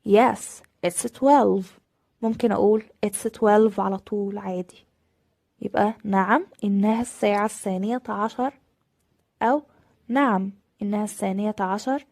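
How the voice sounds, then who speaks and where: A woman with an Egyptian Arabic accent teaching a beginner language lesson, quick in her explanations and slow and drawn out on the model phrases. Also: medium pitch, vocal fry, a little mellow, dry recording, studio quality. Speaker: English teacher.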